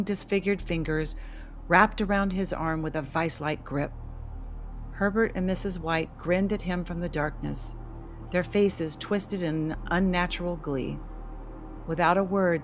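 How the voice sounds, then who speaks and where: A woman reading a horror story aloud in a slow, measured, ominous narration. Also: sits low, creaky. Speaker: podcast co-host and story adapter.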